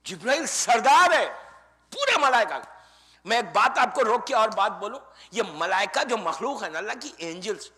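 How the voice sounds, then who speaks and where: A man preaching a Ramadan sermon. He talks to the audience like friends, swinging from loud exclamations down to near-whispered asides. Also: extremely high pitch. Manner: conversational, addresses audience as friends. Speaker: Islamic preacher. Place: mosque or community center hall.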